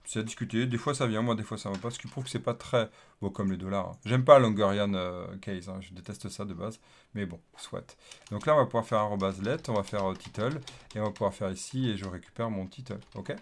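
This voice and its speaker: A man with a low, gravelly voice walks through code in a relaxed screencast tutorial, muttering to himself and filling pauses as he types. Keyboard clicks sit behind him over a faint hiss. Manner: thinks aloud while typing, many fillers and repeated okays. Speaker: developer teaching coding. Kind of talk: casual screencast coding tutorial. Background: keyboard typing and clicks.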